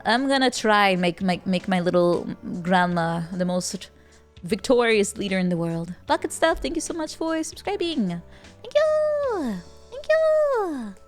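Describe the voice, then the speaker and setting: A woman's voice: medium pitch, animated, moderate pace. Playful, cute anime-streamer woman with music behind. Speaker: livestreamer. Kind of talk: casual livestream chat while gaming.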